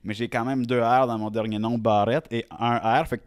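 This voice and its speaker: A man's voice: mid-range voice, flat delivery, brisk, clean tone, no echo, clean studio sound. A man from Ontario with a Franco-Ontarian French accent, telling casual, humorous anecdotes as a podcast guest and strongly rolling his R's on the tip of his tongue. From Rockland, Ontario, Canada.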